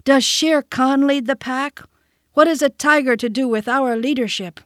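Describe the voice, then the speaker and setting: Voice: mid-range voice, very animated, normal speed, no echo, studio quality. A storybook reader voicing the young man-cub Mowgli, bold and challenging. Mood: defiant. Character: fierce young man-cub boy, defiant.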